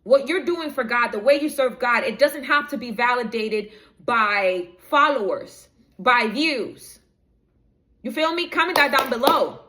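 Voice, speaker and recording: A woman's voice: a little high, animated, measured pace, pushed and bright. A woman giving a preachy spiritual reading straight to her viewers, rambling and losing track of her notes as she goes. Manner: preachy, direct address to viewers; rambling, loses her notes mid-talk. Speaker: spiritual reader. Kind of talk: inspirational reading to camera.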